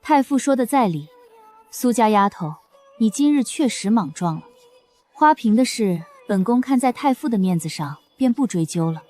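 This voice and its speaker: An actress playing a haughty, scheming noblewoman with a lively, imperious way of talking in an animated drama dub. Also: a little high, normal speed, soft background music, lightly acted. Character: haughty imperial princess, then scheming young lady.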